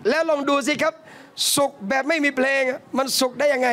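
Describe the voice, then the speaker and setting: A man from southern Thailand preaching a lively sermon to a live audience, telling animated stories and calling his listeners brothers and sisters. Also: very high-pitched, fairly quick. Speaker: Islamic preacher. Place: cafe hall, live talk.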